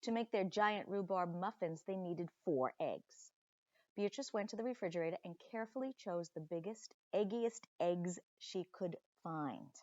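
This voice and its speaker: A woman reading a children's story aloud expressively, with deliberate dramatic pauses and chatty asides to young listeners, like a teacher. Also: lowish voice, a little mellow, dry recording, lo-fi sound.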